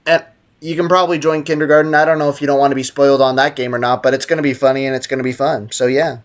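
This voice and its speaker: Talking very fast in a mid-range voice with little pitch variation, a man live streams gameplay, tossing out slang jokes, reading viewers' chat and offering casual commentary while game music plays.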